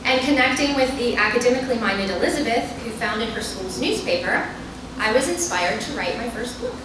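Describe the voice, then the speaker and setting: Her voice is a little high, animated and brisk as she performs a humorous personal essay for a bookstore crowd, telling it in a wry, self-deprecating way. Captured on a distant mic, the sound is echoey, with room noise all around.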